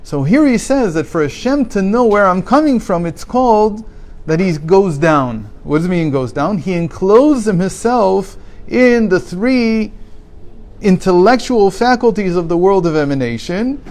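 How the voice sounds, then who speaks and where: A man's voice: high-pitched, animated, a little slow, a little mellow. A man teaching a daily religious text class, reading passages aloud, translating them, and explaining them with rhetorical questions.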